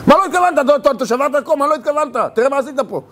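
A man playing a furious homeowner shouting. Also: very high-pitched, pitched above the performer's own voice. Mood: outraged shouting. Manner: shouting, outraged. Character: furious man whose house is wrecked.

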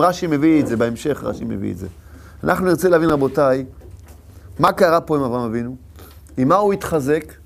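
A man giving a Torah lesson, telling the story with rhetorical questions and repeated phrases. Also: fairly high pitch. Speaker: Torah teacher.

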